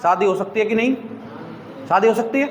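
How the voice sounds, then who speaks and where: High-voiced male teacher, echoey classroom. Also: fairly quick, slight background noise. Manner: quizzes students with repeated questions, calls them beta. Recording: echoey room with long reverb.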